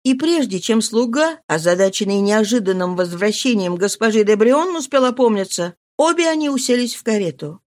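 A woman reading a novel aloud as narrator, in an expressive, dramatic manner. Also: medium pitch, moderate pace, few pauses. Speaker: audiobook reader. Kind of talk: scripted narration.

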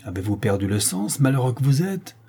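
A man's voice: medium pitch, very animated, a little fast, dark tone, husky. A man playing a scornful menacing banker. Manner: threatening, scornful.

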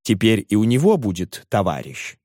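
A man doing a flustered elderly gentleman. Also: lowish voice, very animated, moderate pace, dry recording, studio quality. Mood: genial. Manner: genteel, flustered pleading.

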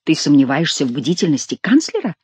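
A woman's voice: low voice, very animated, a little fast, a little mellow, breathy edge, dry recording, pitched below the performer's own voice, heavily acted. A woman voicing a weary, anxious French king who pleads and insists. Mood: plaintive.

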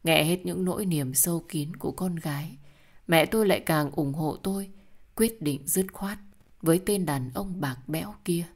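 Low-voiced woman narrating a story. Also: moderate pace. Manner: soft, emotional storytelling. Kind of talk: first-person audio story narration.

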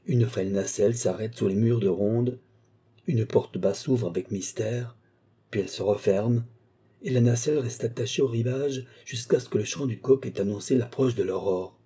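A man reading a classic novella aloud in a measured, steady storytelling manner. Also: on the low side, slightly rough. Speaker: audiobook reader. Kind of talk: scripted narration of a classic novella.

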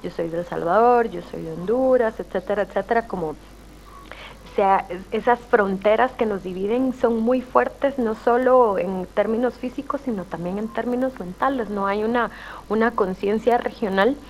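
A Guatemalan rapper, a guest on a radio show, speaks thoughtfully and searchingly in reflective interview talk, restarting her sentences often. Her voice is on the high side at a normal speed, and the recording has its highs cut off.

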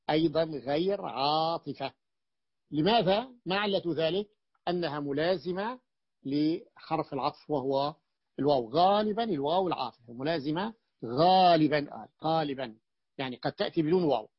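A man with a fairly high voice teaches a grammar class, quizzing his students and circling back over each point with stop-start phrasing. The recording is dull and muffled, and the room is dry and close. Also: husky, dry recording. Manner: questions the class and repeats points with halting restarts.

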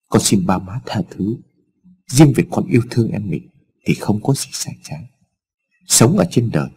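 A man voicing an earnest young son who pleads calmly and firmly, in a storybook reading. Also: fairly low pitch, breathy edge, full character voice. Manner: calm, firm and pleading.

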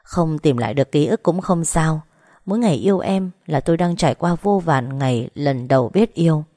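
A woman voicing a tender, remorseful young man who pleads gently and apologetically. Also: low voice, expressive, a little fast, no echo, studio quality.

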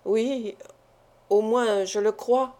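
A woman's voice: fairly high pitch, fairly even intonation, very slow, warm tone. Woman reading as a worried middle-aged mother. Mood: answering.

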